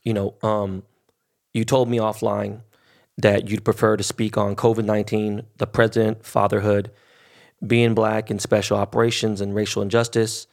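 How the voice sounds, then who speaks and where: Gravelly LA dude in his 40s hosting a podcast, low voice, cusses a lot, gets hyped and cuts in. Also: normal speed. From Los Angeles. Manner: profane, excitable, interrupting. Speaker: podcast host. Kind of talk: casual interview.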